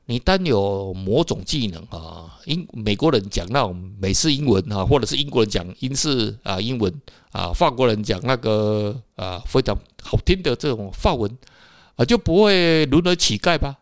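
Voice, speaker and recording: A man's voice: medium pitch, animated, normal speed, dry recording, studio quality. A man with a Taiwanese Mandarin accent, hosting a casual solo talk for listeners, rambling with filler particles and tag questions. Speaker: podcast host.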